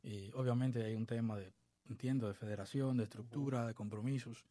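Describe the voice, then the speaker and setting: Man, from the Dominican Republic, baseball coach, measured, reflective, dry close sound. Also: medium pitch, fairly even intonation, dark tone, no room sound. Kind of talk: podcast interview.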